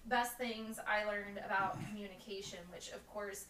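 A woman's voice: medium pitch, fairly even intonation, a loud crowd. Wry chatty woman, echoey distant mic. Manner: chatty, wry, quick to laugh. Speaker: nurse. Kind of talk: casual podcast chat. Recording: roomy, distant mic with faint ambience.

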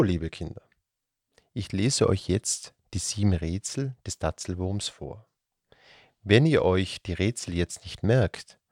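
Male storyteller for kids: low, husky, unhurried fairy-tale reading. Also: no room sound, studio quality. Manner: slow, calm, gravelly storytelling. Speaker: storyteller host. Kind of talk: fairy tale read aloud for children.

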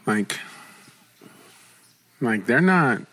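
A man's voice: mid-range voice, extremely slow, no echo. A man co-hosting a podcast, telling a story casually and acting out the people in it. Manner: animated storyteller, acts out quoted voices. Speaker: podcast co-host.

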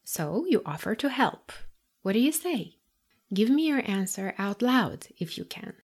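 A woman's voice: medium pitch, sing-song, breathy edge. Woman teacher guiding listeners with questions. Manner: addresses listener directly with guiding questions and pauses. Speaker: English teacher and podcast host. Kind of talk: scripted podcast lesson.

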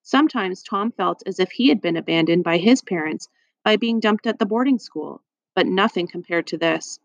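A woman narrating a children's book in an even, measured storytelling manner. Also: medium pitch, gravelly, dry recording. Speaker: audiobook narrator. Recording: dry, slightly muffled.

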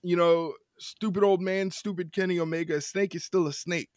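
A man co-hosting a casual wrestling podcast, ranting with lots of repeated words and quick laughs. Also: high-pitched, steady tone, no room sound, clean studio sound. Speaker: podcast co-host.

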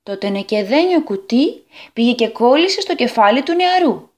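Expressive woman reading a children's tale. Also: on the high side. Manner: expressive, animated. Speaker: storyteller.

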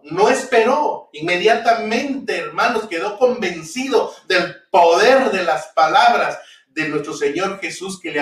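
A man's voice: a little high, a bit bright. A man preaching a sermon, speaking emphatically and asking rhetorical questions that he answers himself. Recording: echoey room from far off.

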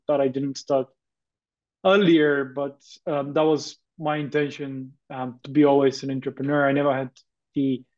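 A guest entrepreneur from Bulgaria speaks in a podcast interview over a muffled line. His voice is on the high side and a little mellow, and he comes across as earnest but hesitant, with many fillers.

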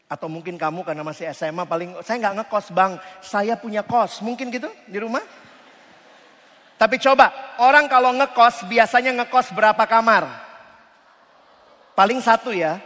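A man giving a lively youth sermon, joking with the crowd and asking it questions. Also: high voice. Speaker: preacher. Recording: long hall reverb.

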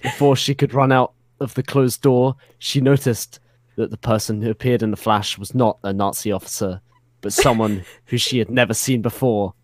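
A man with a medium-pitched, steady voice reads fan fiction aloud as a dramatic performance at a moderate pace. He's giggly and keeps nearly cracking up, repeatedly bursting into laughter. The recording is dry.

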